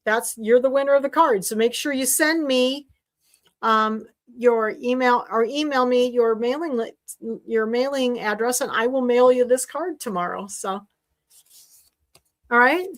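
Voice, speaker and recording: A woman's voice: on the high side, measured pace. A woman hosting a sewing class livestream, chatting casually with viewers. She rambles and restarts her sentences, with fillers along the way. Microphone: desk mic while streaming.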